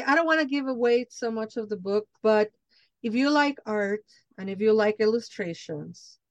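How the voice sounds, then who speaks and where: A woman's voice: medium pitch, no room sound. A woman hosting an interview, effusive and enthusiastic, whose first language is Spanish. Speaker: show host. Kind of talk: casual interview chat.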